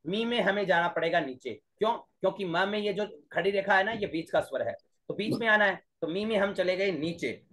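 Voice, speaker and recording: A man's voice: sits high, fairly quick, few pauses, fairly bright tone. A man teaching Vedic mantra pronunciation in an online class, breaking words into syllables and chanting each line over and over. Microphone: video call.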